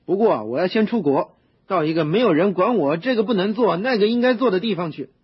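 An actor playing a reckless, spoiled young son in a radio drama, eager and boastful, pleading and giggling. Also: male voice, high voice, expressive, fairly quick, slightly rough, highs cut off, heavily acted. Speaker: prodigal son.

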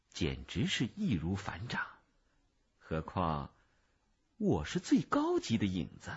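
Bragging magic shadow kid, husky and bright, high lively calls, done by a man reading; dull lo-fi recording. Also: heavily acted. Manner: bragging, loud calling. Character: boastful magical shadow boy, mischievous. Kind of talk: children's story reading.

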